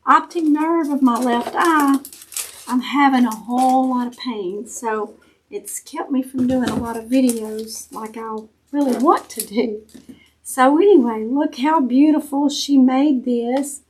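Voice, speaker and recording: A woman with a Southern US accent and a husky voice, chatting casually and appreciatively as a craft vlogger while opening a present, in a halting way. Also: a little high, a little hiss or hum, rough recording. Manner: slow, halting, appreciative gift-opening talk.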